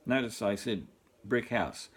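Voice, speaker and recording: The voice is lowish, unhurried and slightly rough: an Australian grandfather of sixty-plus reading a bedtime story. He strays from the text with joking, repetitive remarks delivered deadpan, rambling as he goes.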